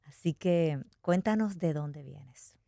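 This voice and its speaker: A woman's voice: sits low, slow, vocal fry, mellow, no room sound, clean studio sound. A woman hosting an interview, asking encouraging questions and affirming her guest's answers. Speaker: interviewer host.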